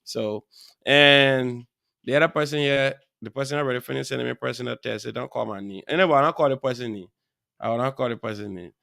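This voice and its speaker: Gravelly, bright-voiced male talk show host. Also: medium pitch, fast talker, no room sound, studio quality. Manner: rambling, shout-outs to viewers, chuckles. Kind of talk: casual live-show chat. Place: studio.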